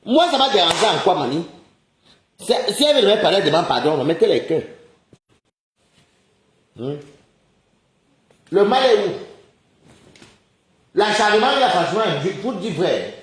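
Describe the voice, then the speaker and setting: A man's voice: high-pitched, big pitch swings, normal speed, pauses often. A man ranting indignantly on a casual live stream, firing off rhetorical questions and chuckling often. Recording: roomy echoey recording.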